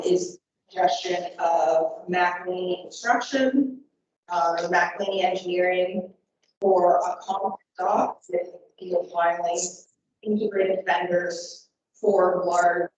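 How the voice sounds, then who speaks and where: A woman presenting at a meeting over a garbled, unclear call line, halting with many ums. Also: on the low side, a little mellow. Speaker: harbor staff presenting a budget. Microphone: remote call. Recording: echoey, distant, muffled, noisy call line.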